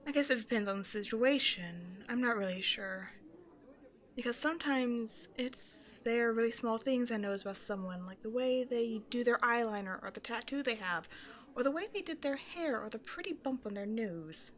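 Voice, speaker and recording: A woman takes the role of a shy, self-doubting young woman rambling haltingly to a stranger in an intimate one-sided roleplay, sounding awkward and musing. She hesitates, apologizes, giggles, and nervously overthinks. Her voice is a little high and a bit bright, animated and at a moderate pace.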